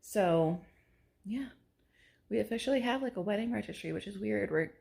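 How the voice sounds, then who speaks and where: A woman's voice: mid-range voice, lively intonation, moderate pace, creaky, darkish tone. A woman vlogging about her food in a casual, chatty way, often breaking into informal asides and interrupting herself. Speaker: vlogger sharing meals and recipes. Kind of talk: casual cook-with-me vlog chat.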